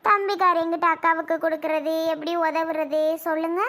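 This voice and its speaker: A bright, piercing voice carries this sarcastic aunt by marriage, played by a woman, who is quick to accuse in a family drama skit. She is high-pitched and cutting. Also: fairly even intonation. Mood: scornful. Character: sharp-tongued scolding aunt by marriage.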